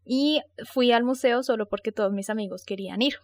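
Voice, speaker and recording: A woman with a fairly high voice and a close, dry sound co-hosts a casual podcast. She tells anecdotes playfully and animatedly, dropping in little vocal asides. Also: fairly quick, a little mellow, dry recording. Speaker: podcast co-host.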